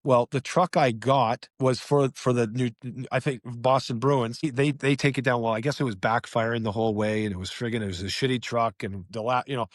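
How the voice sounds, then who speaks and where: A man's voice: medium pitch, brisk, hardly any pauses, no echo, clean studio sound. A middle-aged man, a former hockey player, telling a casual podcast story and swearing freely. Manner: animated, swearing.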